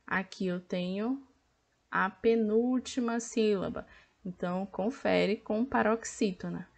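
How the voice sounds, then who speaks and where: Slow, patient Brazilian teacher woman. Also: medium pitch, gravelly. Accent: Brazilian Portuguese. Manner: patient, over-articulates words to count syllables. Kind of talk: slow classroom explanation of an activity book.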